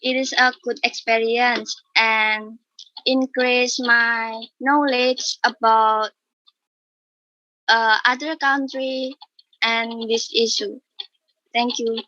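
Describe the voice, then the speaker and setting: A woman's voice: a little high, level tone, takes it slowly, sharp tone, no echo, muffled recording. Hesitant young woman from Indonesia. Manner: hesitant, searching for words. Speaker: student participant.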